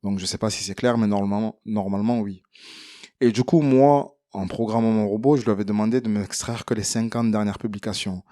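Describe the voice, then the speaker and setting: A man walking viewers through a casual screen-recording tutorial, chatty and relaxed with plenty of fillers and some self-deprecating humor. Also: fairly low pitch, a little fast, no room sound, clean studio sound. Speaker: tutorial creator.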